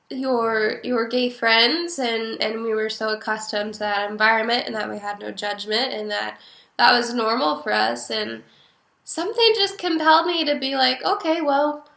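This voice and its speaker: A woman's voice: a little high, vocal fry, sharp tone. A young woman telling her mother family stories in a casual, chatty, rambling way, often laughing. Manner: chatty, giggly, rambling with many fillers. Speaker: daughter speaking to her mother. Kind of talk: casual personal storytelling. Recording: roomy echo.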